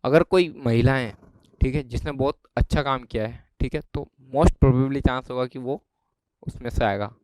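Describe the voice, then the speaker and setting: Man, Rajasthani Hindi accent, exam-prep teacher, casual explaining, keeps asking "clear?", resonant, dry recording. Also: mid-range voice, normal speed, darkish tone, no room sound. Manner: chatty, keeps checking with students. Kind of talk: informal exam lesson.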